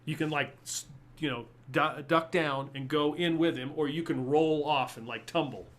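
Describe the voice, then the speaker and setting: A man's voice: a little high, fairly even intonation, normal speed, a bit bright. A man narrating as game master of a tabletop game, rambling with many fillers. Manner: rambling, full of fillers and little laughs.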